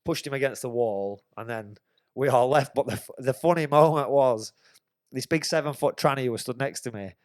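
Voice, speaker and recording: Talking fairly quickly in a mid-range voice, a man hosts a podcast and tells a lively anecdote peppered with swearing, all casual. The recording is dry and studio quality.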